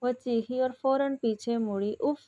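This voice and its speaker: A woman reading a romance novel aloud in steady storybook narration, with a dramatic delivery. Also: on the high side, highs cut off.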